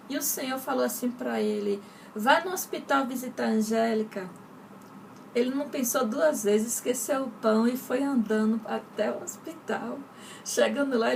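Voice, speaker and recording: Woman telling her faith story, kinda gravelly higher voice, far from the mic with noise behind. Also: darkish tone. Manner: earnest, rambling, addresses listeners directly. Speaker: testimony speaker. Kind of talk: personal faith testimony. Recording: distant mic with noticeable background noise.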